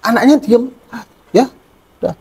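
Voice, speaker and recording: A man's voice: very high voice, measured pace, vocal fry, darkish tone, husky. A man giving a religious study lecture in a conversational, wry way, asking and answering his own questions. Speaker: religious teacher.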